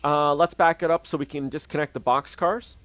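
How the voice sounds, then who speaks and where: A man's voice: a little high, fairly even intonation, brisk, fairly bright tone, a little hiss or hum. A man hosting casual gameplay commentary on a train simulator, chatting, thinking aloud and talking to his train while he has the hiccups. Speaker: gaming channel host.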